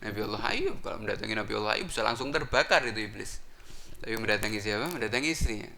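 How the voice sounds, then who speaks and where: A man preaching a sermon story, asking rhetorical questions and answering them himself, with sudden jumps in pitch for emphasis. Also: expressive, racing, vocal fry, sharp tone.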